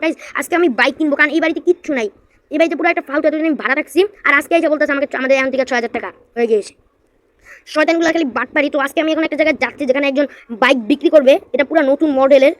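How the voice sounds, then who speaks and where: A woman giving casual, excitable gameplay commentary to her viewers. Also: high voice. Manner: excitable, chatty, addresses viewers as guys. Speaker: gaming YouTuber.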